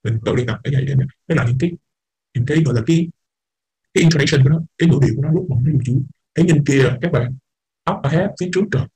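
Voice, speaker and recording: A man's voice: medium pitch, racing, a little mellow, husky, poor audio. A man teaching an English class, explaining patiently, repeating words and mixing English terms into his talk. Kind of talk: online class lecture.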